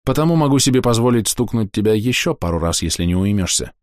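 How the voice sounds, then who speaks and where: A steady, unflinching young woman, as a man reads her lines. She speaks levelly and firmly with a lively lilt. The read is close and dry. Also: on the low side, fast, no echo, voice pushed up, lightly acted. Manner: level, firm. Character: calm, stern young woman traveler.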